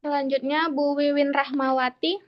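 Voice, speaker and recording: A woman's voice: sits high, level tone, moderate pace, no echo, lo-fi sound. A woman moderating a class, calling on each speaker with brief, formal announcements.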